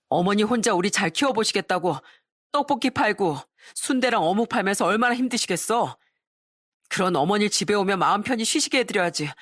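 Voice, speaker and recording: A woman's voice: mid-range voice, no echo, studio quality, natural voice. Woman playing an earnest, scolding older brother. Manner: pleading, scolding. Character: earnest dutiful young man, protective older brother.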